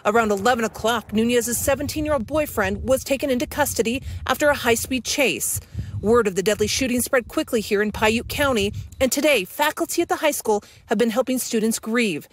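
A woman field reporter giving a live news report outdoors at night, brisk, with some fillers. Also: on the high side, slight background noise, poor audio.

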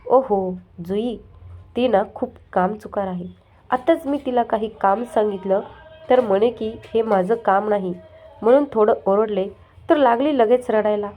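A bossy, self-assured young woman manager who chatters on about her staff in a complaining way, read by a woman storyteller. The voice is mellow and soft-edged, plain rather than acted. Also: mid-range voice, a little slow, faint music behind, lightly acted.

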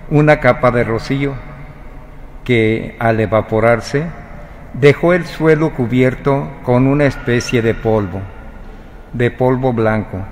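A man proclaiming a scripture reading at Mass in a slow, measured way, recorded in a cathedral. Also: medium pitch, slight background noise. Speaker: lector. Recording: reverberant cathedral broadcast.

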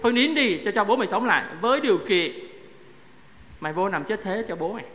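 A priest voicing God in a joke, a calm and wry male figure. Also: sits high, quick pace. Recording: echoey church hall, faint noise.

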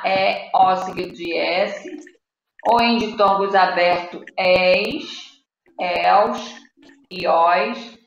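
Brazilian woman teacher, higher voice, slow and patient, quizzes kids on a live stream. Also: creaky, fairly bright tone. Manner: slow, patient, reads word lists aloud and quizzes pupils. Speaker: schoolteacher. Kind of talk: live online Portuguese lesson for children. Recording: echoey room, dull lo-fi audio with faint noise.

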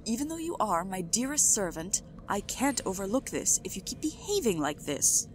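A woman voicing a possessive, imperious queen with regal, deliberate speech in an audio roleplay drama. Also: medium pitch, very animated, slight background noise, close to an everyday voice. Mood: stern, possessive.

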